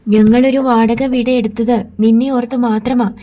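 A woman's voice: a little high, little pitch movement, moderate pace, warm tone, natural voice. A woman reading an audiobook, voicing a strict, protective grandmother who scolds and insists. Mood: stern.

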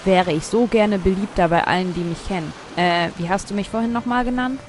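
Casting: female let's player, mid-pitched, casual commentary with faint game ambience behind. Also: fairly quick, slight background noise. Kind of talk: casual game commentary, reading dialogue options aloud.

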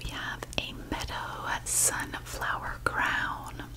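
A woman doing a whispered role-play as a gentle fairy designer attending to a customer, in a soft breathy voice. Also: slow. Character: gentle female fairy designer showing customer clothes and crowns.

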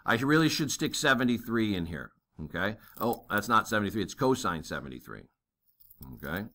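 Very animated, a navigation instructor solves a navigation calculation as a lesson, speaking over his own writing. His lowish voice is bright with some tension, and he thinks aloud with many fillers and quick "okay?" checks.

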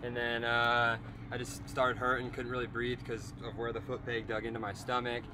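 A man's voice: medium pitch, completely flat delivery, moderate pace, noisy background. A young man vlogging to a handheld camera in outdoor race pits, casual and slangy, weak and hurting. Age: young adult. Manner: casual, slangy, dejected after a crash. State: in pain and weak. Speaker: motocross racer and vlogger. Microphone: handheld camera at arm's length.

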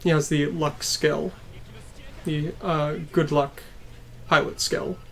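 A woman with a somewhat low voice casually chats while co-hosting a let's play. She talks quietly and offhandedly, reading game text along the way. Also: fairly even intonation, slow pace, a little hiss or hum. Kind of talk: casual chat while playing.

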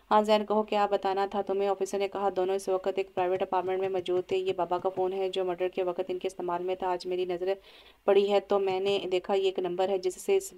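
Woman narrator for an audio novel, monotone, mellow. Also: medium pitch. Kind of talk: scripted novel reading.

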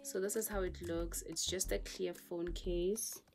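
A young woman with a South African accent, chatting casually through a shopping haul in her bedroom, with drawn-out reactions and Zulu words mixed in. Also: fairly low pitch, steady tone, vocal fry. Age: young adult. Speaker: vlogger. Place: bedroom, indoors. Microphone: camera in front of her. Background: music.

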